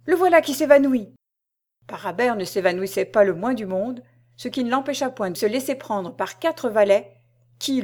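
A woman reading a historical tale aloud as audiobook narration, measured and even. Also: medium pitch. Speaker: reader.

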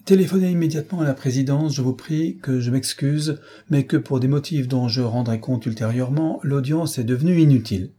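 Authoritative older-sounding official, husky and low in tone, read by a man. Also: a little fast, hardly any pauses, mellow, natural voice. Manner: clipped, authoritative, condescending. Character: stern male official, middle-aged, self-assured.

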